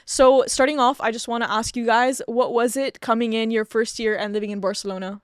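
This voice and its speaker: A woman's voice: a little high, steady tone, fairly quick, smooth, no echo, clean studio sound. A Canadian-raised woman in her twenties hosting a student podcast, chatty and upbeat, whose first language is Arabic. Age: 20s. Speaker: podcast host. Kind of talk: casual podcast chat.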